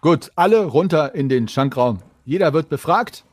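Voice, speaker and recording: A man's voice: a little high, expressive, normal speed, no room sound, studio quality. A man voicing a stern town guard sergeant in a fantasy tabletop game, giving clipped orders. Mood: commanding. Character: stern, commanding male town guard sergeant in full armour.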